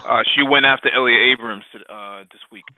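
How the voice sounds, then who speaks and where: A podcast co-host with a mid-range voice talks a little fast in a casual political discussion, rambling through lots of fillers and breaking into crude jokes and swearing. The recording is dry and tinny, like a phone line.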